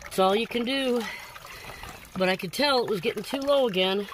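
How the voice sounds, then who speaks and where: A woman's voice: fairly high pitch, moderate pace, a little hiss or hum. A woman who runs a koi farm, talking casually outdoors by a pond, gushing and cooing to her fish as she works.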